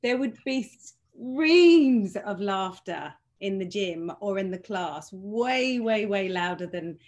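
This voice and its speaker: A woman fitness trainer telling personal stories in a self-mocking, laughing way, pronouncing her R's softly as W's. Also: medium pitch, animated, slow pace. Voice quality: cannot pronounce R's properly, says w for r. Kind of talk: animated personal storytelling in conversation.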